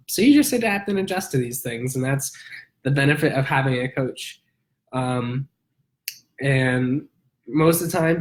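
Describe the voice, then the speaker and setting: A man with a head cold speaks in a congested, nasal voice. He keeps a casual, chatty vlog tone, leaning on frequent "um" fillers while talking to his viewers. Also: medium pitch. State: coughing. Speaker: triathlete vlogger; answers viewers' questions.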